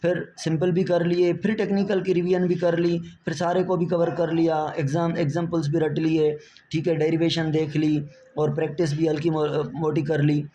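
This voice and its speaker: A man's voice: on the high side, flat delivery, normal speed, warm tone, a little hiss or hum. A man, a biology teacher giving friendly, reassuring exam-prep advice and mixing in English words.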